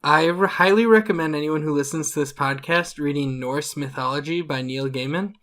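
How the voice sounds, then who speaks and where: A man's voice: fairly high pitch, fairly quick, fairly bright tone. A man co-hosting a casual podcast, chiming in with facts and laughing often. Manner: well-read, chimes in with facts, laughs a lot. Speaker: podcast co-host.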